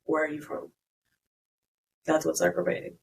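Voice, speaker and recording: A woman's voice: deep voice, moderate pace, gravelly, slight background noise, low-quality recording. A woman from Spain with a Spanish accent, a podcast guest talking bluntly and casually. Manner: frank, blunt, animated storytelling.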